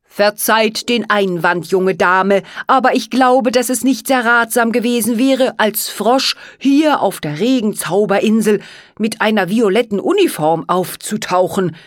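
A woman voicing a polite, formal male frog servant who speaks slowly and deliberately, for a storybook. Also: medium pitch, dry recording, clean studio sound, pitched above the performer's own voice, close to an everyday voice. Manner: formal and courteous, slow and deliberate.

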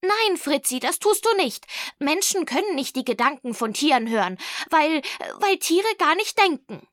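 A woman's voice: high voice, lively intonation, normal speed, fairly bright tone, dry recording, studio quality, pitched above the performer's own voice. A woman doing an eager schoolgirl with braces. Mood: insistent. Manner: slightly mumbly, eager. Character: chatty young schoolgirl with braces.

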